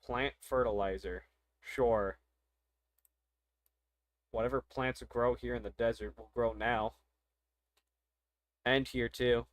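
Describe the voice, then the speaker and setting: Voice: mid-range voice, steady tone, slow, pauses often, no room sound. A young adult gaming streamer chatting casually and muttering reactions over gameplay.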